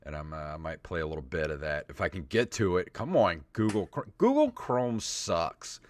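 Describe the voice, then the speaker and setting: A man who sounds tired hosts a podcast over background music, chatting casually and comedically. His low voice turns very animated when he reads stories aloud in a theatrical, drawn-out, dramatic way.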